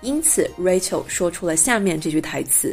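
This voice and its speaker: Woman slowly modelling English pronunciation. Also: lowish voice, sing-song, faint music behind. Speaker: English teacher and podcast host. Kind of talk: bilingual language lesson.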